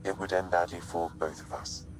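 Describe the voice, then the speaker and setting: A man voices a calm male AI, the ship's AI companion in a video game, speaking in a measured, formal, emotionless manner through a synthetic computer filter. His voice sits low and plays over music.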